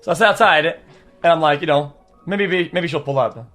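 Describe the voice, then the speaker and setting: A young man streaming to his chat, rambling through a story in a high, bright voice. He swears freely, repeats words and restarts often, then jumps into animated bursts. Faint music plays underneath. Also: moderate pace.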